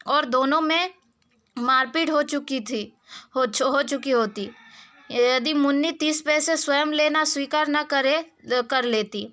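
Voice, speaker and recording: A woman's voice: sits high, sharp tone. A woman teacher retelling a story to schoolchildren in Hindi-accented speech, often restarting and turning to the children with asides.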